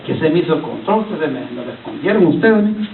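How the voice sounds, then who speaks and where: A man's voice: on the high side, very animated, fairly quick. A male pastor preaches a sermon, calling on the congregation to repeat his lines and addressing them as brother. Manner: keeps addressing listeners as brother. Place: church hall. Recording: echoey far-off church recording over a lo-fi line.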